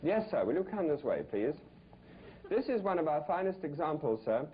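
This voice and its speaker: Fawning shop salesman, overly polite, lively rising and falling voice, dull lo-fi sound a man acting it out in a joke. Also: on the high side, moderate pace, background noise. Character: obsequious male antique shop salesman.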